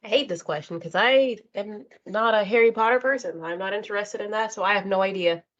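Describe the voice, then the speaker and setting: A woman's voice: mid-range voice, brisk. A woman co-hosting a podcast in casual chat, giving blunt opinions and repeating phrases for emphasis. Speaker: podcast co-host. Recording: dull, lo-fi podcast audio.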